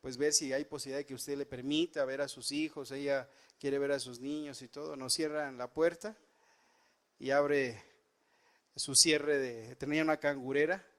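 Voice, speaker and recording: A man's voice: medium pitch, fairly even intonation, moderate pace, a bit bright. A man preaching a sermon, telling a personal story earnestly and rising and dropping his voice for emphasis. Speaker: pastor.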